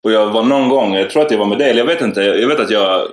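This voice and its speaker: A man co-hosting a casual podcast, telling a rambling story through laughter. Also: fairly low pitch. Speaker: podcast co-host. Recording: roomy echo.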